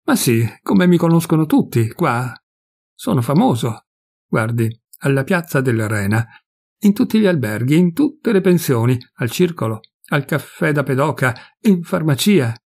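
A man's voice: fairly high pitch, big pitch swings, normal speed, creaky, darkish tone, exaggerated voice. A man voicing a fat, jovial man in his fifties who gossips and confides, pleased with himself, in a storybook reading. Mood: chatty.

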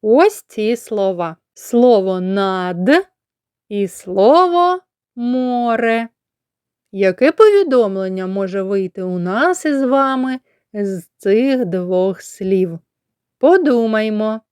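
A woman kindergarten teacher from Ukraine giving a slow lesson to children, spelling out sounds and syllables with careful, deliberate articulation. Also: medium pitch, expressive, darkish tone, clear, resonant tone, no echo, studio quality.

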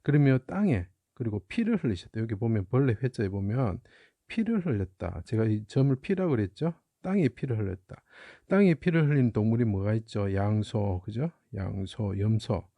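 Man, middle-aged, very dark mellow tone, dry sound, emphatic Bible lecture, rhetorical questions. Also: fairly low pitch, animated, normal speed, creaky, no echo. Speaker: Bible character teacher. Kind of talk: lecture on Bible Chinese characters.

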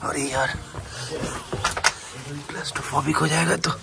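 Loud music plays behind this man's fairly high, creaky voice as he narrates his travels at an unhurried pace. Chatty and excited, he mixes English phrases into his vlog while moving from the outdoors into a limestone cave.

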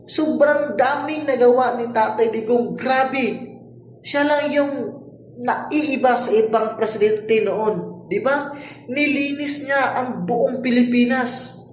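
Emphatic Filipino vlogger in an echoey room. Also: high voice. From Philippines. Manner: emphatic, rhetorical, keeps asking "di ba?". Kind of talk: casual opinion vlog.

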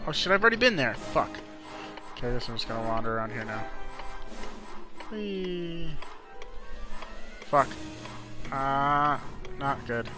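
A man giving casual, rambling gameplay commentary in blunt, slangy, sweary language. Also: medium pitch. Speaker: video game player commentator. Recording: game music under the voice. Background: video game music.

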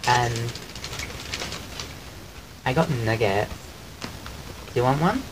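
A man with a soft voice that people often take for a woman's, chatting casually on a live stream at home and thanking his viewers. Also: mid-range voice, expressive, takes it slowly. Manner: chatty and rambling, thanks viewers while eating. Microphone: desk microphone. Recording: clear background noise on the stream mic.

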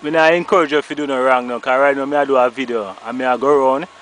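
A man's voice: mid-range voice, fairly even intonation, fast, fairly bright tone. A Jamaican man asking questions casually in patois, as an interviewer filming outdoors. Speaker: interviewer filming a video, farmer. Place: outdoors on a village roadside. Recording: outdoor, faint background noise.

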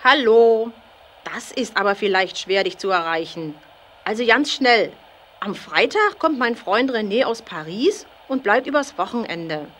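A woman's voice: mid-range voice, animated, a little slow, fairly bright tone. A woman playing a chatty friend leaving an informal phone message.

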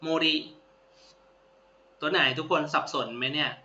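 A man's sharp, higher-side voice guides a classroom-style language lesson at a measured pace. He patiently says each word again and praises the students. The recording has a faint hum and a roomy, dull lo-fi quality.

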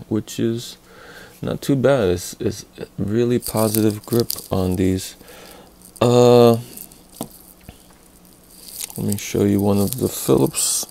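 A man's voice: fairly low pitch, creaky, warm tone, slight background noise. A man casually reviewing a set of hand tools, speaking hesitantly with many fillers and restarts. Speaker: tool reviewer. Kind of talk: casual hands-on product review.

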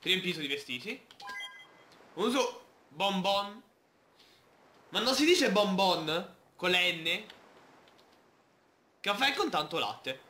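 A man's voice: sits high, big pitch swings, takes it slowly, pauses often, sharp tone, roomy sound, slight background noise. A man playing a video game, chatting playfully and reading the game's text aloud. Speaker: gamer. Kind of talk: Let's Play commentary.

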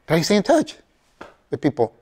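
Speaking a little fast in a voice on the high side, a middle-aged keynote speaker gives a motivational career talk in a college lecture hall. He addresses listeners directly as "folks," animatedly performing the voices he quotes, captured by a distant camera in the crowd.

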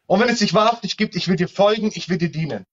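A man with a high voice admonishes in a heated live-stream debate, repeating fire-and-brimstone warnings again and again. The audio is muffled and lo-fi, like a live-stream capture. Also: fast, fairly bright tone. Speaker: online evangelist.

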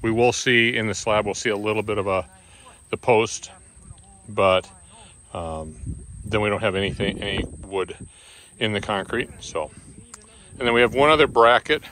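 A man explaining parts at an outdoor building site in a relaxed way, often trailing off. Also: fairly low pitch, moderate pace, long pauses. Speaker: builder narrating a barn build. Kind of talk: casual on-site walkthrough. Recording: loud outdoor noise. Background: heavy outdoor noise.

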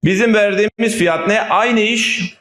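A man's voice: high voice, fairly even intonation, moderate pace, a bit bright. A man giving a political speech as chair of a council meeting, emphatic, repeating key phrases and asking rhetorical questions into a hall microphone. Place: large indoor meeting hall.

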